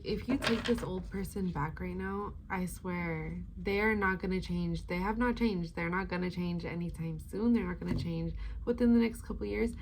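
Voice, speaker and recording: A woman's voice: lowish voice, creaky. Rambling stoner-style woman, noisy background. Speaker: tarot-style spiritual advice reader. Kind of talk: casual chatty spiritual reading.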